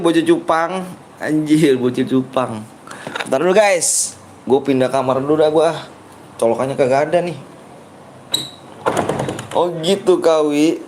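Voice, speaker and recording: A man's voice: mid-range voice, slight background noise. A young man with a Betawi Jakarta accent chatting casually and teasing viewers during a game livestream. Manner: teasing, playful, often mimics viewers' pleas. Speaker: livestream gamer.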